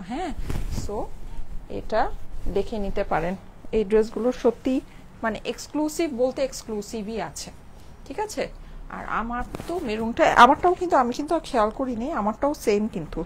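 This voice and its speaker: Chatty Bangladeshi woman, a bit hoarse. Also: fairly high pitch, a little hiss or hum. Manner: chatty, keeps checking in with viewers. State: slightly hoarse from a cold. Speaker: clothing shop seller on a live stream. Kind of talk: live selling chat to viewers. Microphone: phone with clip-on mic.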